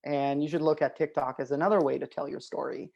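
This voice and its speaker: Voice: mid-range voice, steady tone, fast talker, gravelly, a little mellow, dull audio. A guest speaking in a casual webinar discussion over a video call, hesitant with many ums and uhs.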